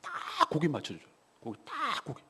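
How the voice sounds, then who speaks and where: A man preaching a morning devotional sermon in a church, telling a personal story in a confessional way, dropping to a hush and then rising loud. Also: fairly high pitch, huge pitch swings, normal speed, breathy edge. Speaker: pastor. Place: church sanctuary. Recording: long reverb of a church hall.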